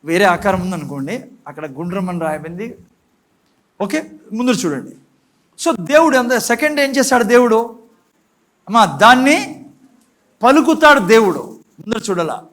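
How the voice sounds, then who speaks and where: A pastor with a Telugu accent preaches to his church in a strikingly high voice. He keeps firing questions at the congregation and then answers them himself. Now and then he breaks into a loud, emphatic shout. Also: lively intonation, moderate pace, pauses often. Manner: mixes English phrases into his preaching. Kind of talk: sermon.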